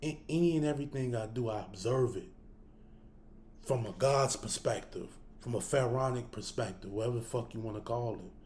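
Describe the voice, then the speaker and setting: A male host with the hiccups talks to camera in a casual, blunt way, cursing freely and thinking out loud. His voice is medium-pitched and darkish, fairly quick, with a little hiss or hum on the recording.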